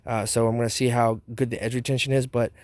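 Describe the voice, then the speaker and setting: A man's voice: medium pitch, level tone, quick pace, a little mellow, no echo. A man hosting a casual product review vlog outdoors, talking with a wad of chewing tobacco dip in his mouth. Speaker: knife review channel host.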